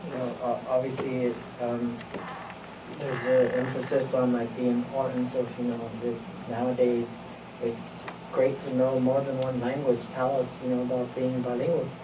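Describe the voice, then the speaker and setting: A young man asking casual interview questions in a halting, informal way. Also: mid-range voice, monotone. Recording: noisy, distant mic, room ambience.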